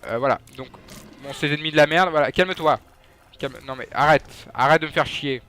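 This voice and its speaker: A man's voice: a little high, a little fast, sharp tone, a little hiss or hum. A young man giving casual, joking gameplay commentary, trash-talking enemies and swearing. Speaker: gaming YouTuber.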